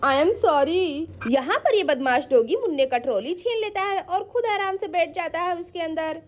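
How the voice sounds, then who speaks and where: A woman narrates a doll play story in a cheerful, giggly manner. Her voice sits very high. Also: lively intonation, moderate pace.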